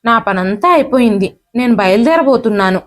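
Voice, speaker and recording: A woman voicing a kindly middle-aged housemaid who speaks gently, read plainly as part of a spoken storybook. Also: on the high side, lively intonation, fairly quick, lightly acted. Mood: soothing.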